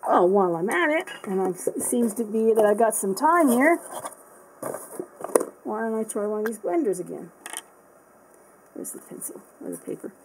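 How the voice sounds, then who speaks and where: Lady vlogger unboxing art stuff, kinda high voice, rambly, lots of ums and restarts. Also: big pitch swings, normal speed, background noise. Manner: rambling, thinks aloud with many fillers and restarts. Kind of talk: casual unboxing chat.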